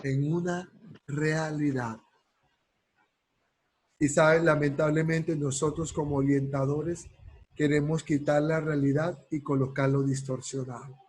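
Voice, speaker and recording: Husky, slow-spoken man lecturing a class. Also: a little high, steady tone, a little mellow, poor audio. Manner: asks rhetorical questions and checks in with the class; slows right down to stress key words. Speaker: counseling course lecturer.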